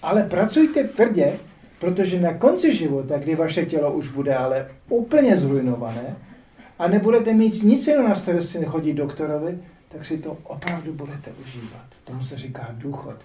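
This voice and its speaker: Older man, rhetorical and ironic lecturer on scripture, dark tone, echoey room, mic far off. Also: on the high side, very animated, slight background noise. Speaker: spiritual teacher. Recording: roomy echo, distant mic.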